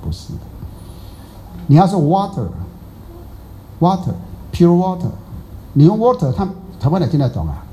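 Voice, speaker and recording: A man's voice: a little high, huge pitch swings, brisk, pauses often, mellow, muffled recording. A man teaching a Buddhist class in a chatty, teasing way, quizzing his listeners. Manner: chatty, teasing, asks the audience questions. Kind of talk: Dharma talk to a class.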